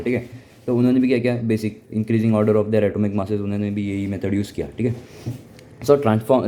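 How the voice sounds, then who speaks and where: A young man teaching a school science class online, mixing Hindi and English, saying "ठीक है" again and again, reading English notes slowly and explaining fast in Hindi. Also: lowish voice, warm tone.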